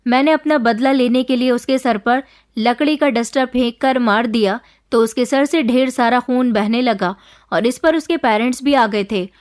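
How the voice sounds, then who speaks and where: Woman narrating a story, slightly high voice. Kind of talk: scripted first-person story narration.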